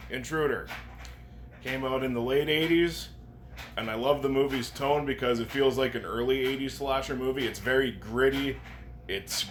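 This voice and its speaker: A man's voice: mid-range voice, fairly bright tone. A man giving a casual, enthusiastic movie review with some swearing. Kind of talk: casual film review to camera. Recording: noticeable background noise.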